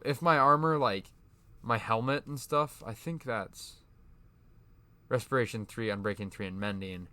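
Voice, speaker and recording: A young gaming YouTuber talks casually and ramblingly over his own gameplay, often correcting himself and laughing at his own expense. His voice is on the low side but sounds pushed and bright.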